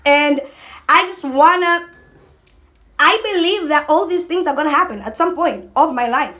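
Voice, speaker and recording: A young adult woman chatting casually to camera as a mukbang vlogger, emphatic and animated, often breaking off mid-thought. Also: high-pitched, moderate pace.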